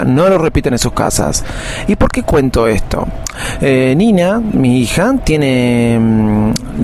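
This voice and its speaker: Higher-voiced Argentine man, casual podcaster. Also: a little mellow, slight background noise. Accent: Argentine Spanish. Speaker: podcast host. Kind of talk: casual rambling monologue.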